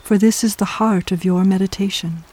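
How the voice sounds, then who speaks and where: Soft, mellow meditation guide. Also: mid-range voice, steady tone, breathy edge. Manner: soft, soothing, slow and measured, with long pauses. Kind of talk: guided meditation, scripted narration.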